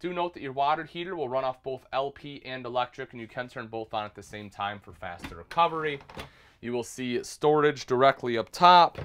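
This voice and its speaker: A thirtysomething RV product specialist leads an upbeat tour through a compact travel trailer, calling his audience folks. His voice sits in the mid range with a fairly bright tone, and a little hiss or hum runs through the audio.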